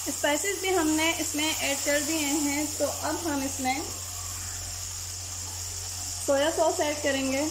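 A woman calmly explaining a recipe step by step as a cooking channel host. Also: high-pitched, slow pace, pauses often, background noise. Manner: calm, plain, methodical. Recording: loud frying sizzle behind voice.

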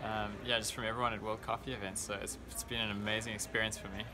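A man's voice: lowish voice, flat delivery, quick pace. A man in his thirties with a South African accent, a coach talking casually in an interview. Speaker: team coach. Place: indoor convention venue. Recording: clear background noise, busy event venue.

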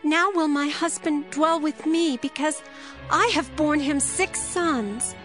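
High-voiced grateful biblical wife. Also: female voice, slow pace, fairly bright tone, soft background music.

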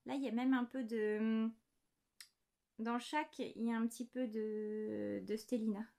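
A woman in her thirties with a slightly high voice chats casually from her home desk. She shows off small knitting items, often apologizing and pausing over the little details. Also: fairly even intonation, gravelly, warm tone. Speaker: knitting podcast host. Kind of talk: casual show-and-tell chat.

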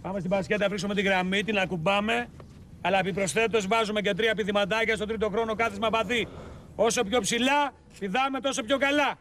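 A man playing a bossy, teasing male high school gym teacher who barks orders at his class. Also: fairly even intonation, fairly bright tone, slight background noise. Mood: commanding.

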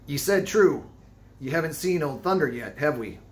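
A man's voice: on the high side, animated, moderate pace, voice pushed up, close to an everyday voice. A man voicing a ragged, wild-eyed old sailor who talks in cryptic, insistent old seafaring dialect. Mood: ominous.

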